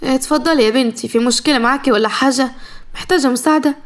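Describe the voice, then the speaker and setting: A woman voicing an outspoken older woman bystander who is loud and indignant. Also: high-pitched, rapid-fire, lightly acted. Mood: kind.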